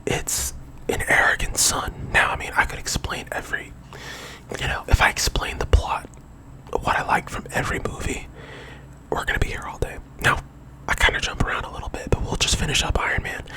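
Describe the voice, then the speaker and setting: A young adult ASMR video creator whispers throughout a casual, rambling monologue that keeps wandering into digressions. The whisper is fairly quick, pushed and bright, and the audio is poor.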